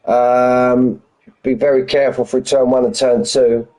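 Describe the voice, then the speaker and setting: A man's voice: mid-range voice, little pitch movement, a little slow, a little mellow, poor audio. A man giving informal, matey live commentary on an online racing league, chatting to the drivers like mates. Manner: matey, addresses drivers as mate, lad and bud.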